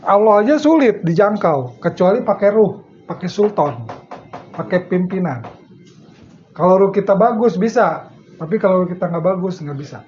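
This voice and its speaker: A man's voice: expressive, moderate pace, soft background music. A man giving a casual religious study talk, chatting and laughing often. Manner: chatty, laughs often, quotes his teachers in a low soft voice. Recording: dull lo-fi recording with faint noise.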